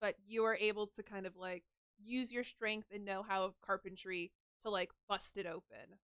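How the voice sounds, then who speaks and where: A woman's voice: medium pitch, steady tone, normal speed, fairly bright tone, clean tone, no echo, clean studio sound. A woman narrating as game master of a tabletop game, rambling and giggly with lots of fillers.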